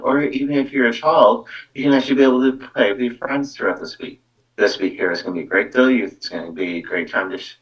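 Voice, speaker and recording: Through a muffled, distant mic, a man with a mid-range, slightly bright voice hosts a casual live card-reading stream online as a psychic medium podcaster. He rambles along, repeatedly dropping fillers such as "actually" and "though."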